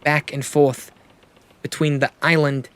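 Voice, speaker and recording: A man's voice: on the high side, little pitch movement, measured pace, fairly bright tone, smooth. A man playing a stern, proud male ship captain who answers in a clipped, defensive way.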